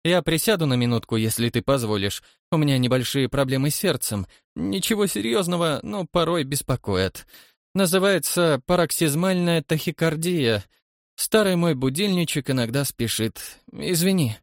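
A man doing a grand, self-important old director. His voice sits a bit higher than the narrator's, rises and falls expressively, and is recorded dry and close with no room sound. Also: lively intonation, normal speed, no room sound. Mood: shaken. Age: older. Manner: grandiloquent, then pleading and flustered. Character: pompous elderly male agency director.

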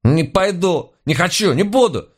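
A man's voice: high-pitched, lively intonation, normal speed, slightly rough, voice pushed up. A man voicing a cowardly petty crook, whining and shrieking refusals in a storybook. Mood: hysterical. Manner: whining, then shrieking insults.

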